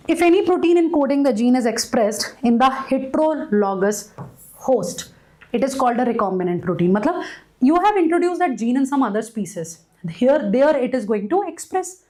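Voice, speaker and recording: North Indian woman teacher, higher-pitched voice. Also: animated, normal speed, warm tone. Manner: repeats phrases for emphasis, mixes in Hindi asides. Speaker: biology teacher giving an online class. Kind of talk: lecture with checking questions to students.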